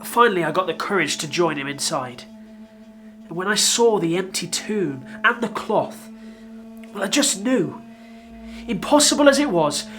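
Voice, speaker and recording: In a heavily acted dramatic narration, a man with a high, bright, forceful voice plays an older apostle recalling his past, telling his memories in an earnest, reflective way.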